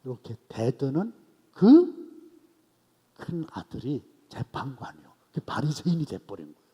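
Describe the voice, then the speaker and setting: A male pastor preaching an expository sermon at an evening church service, telling the story with animated swings between loud outbursts and soft asides. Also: a little high, husky, in a large hall.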